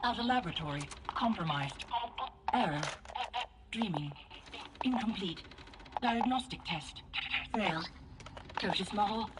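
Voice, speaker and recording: A woman's voice: mid-range voice, animated, unhurried, long pauses, heavy background noise. A woman voicing a damaged female security construct with a glitching robot voice, speaking in clipped single-word machine announcements.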